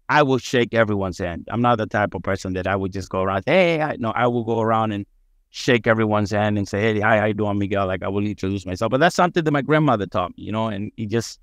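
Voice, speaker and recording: A middle-aged man tells his story on a podcast in a loose, rambling way, upbeat and swearing freely. His voice sits at an ordinary middle pitch. The sound is close and dry, with no room around it. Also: no room sound. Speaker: firefighter guest.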